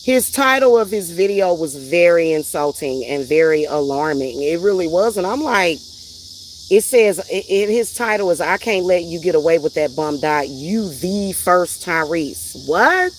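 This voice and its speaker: A woman's voice: lowish voice, expressive, unhurried, slight background noise. Emphatic woman ranting outdoors. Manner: emphatic, repetitive, profane. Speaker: vlogger and spiritual reader. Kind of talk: heated personal rant.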